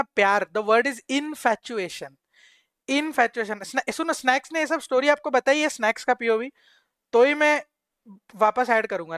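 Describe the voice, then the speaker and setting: A young man with a Mumbai Hindi accent, a live streamer excitedly telling his chat a slangy, animated story. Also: very high voice, clean tone, no room sound, clean studio sound.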